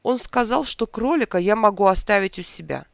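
A sentimental old wizard from a fairy tale speaks with a gravelly, fry-tinged voice and gentle delivery, voiced by a reader. His tone stays close and dry. The pitch sits in the middle. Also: lively intonation, a little fast, no room sound. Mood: reminiscing.

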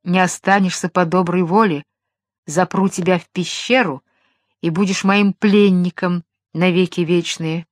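A woman voicing a sly, seductive mermaid who speaks gently and coaxingly. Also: lowish voice, fairly even intonation, unhurried, no echo, studio quality, close to an everyday voice. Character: seductive sly female mermaid, soft-spoken.

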